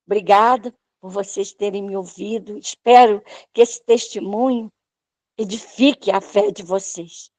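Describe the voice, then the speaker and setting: A woman's voice: mid-range voice, steady tone, measured pace, a little mellow, no room sound. A woman, giving a personal healing testimony at a church service and acting out what the doctors said. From Brazil. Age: 60s. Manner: emotional storytelling, acting out the doctors' lines.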